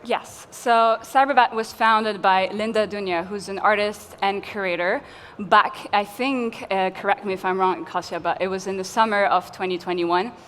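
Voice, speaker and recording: On a conference panel in a conference hall, a Tunisian woman speaks as a curator, friendly but a little hesitant. Her mid-range, fairly bright voice keeps fairly even intonation at a normal speed, with slight background noise, faint ambience and long hall reverb.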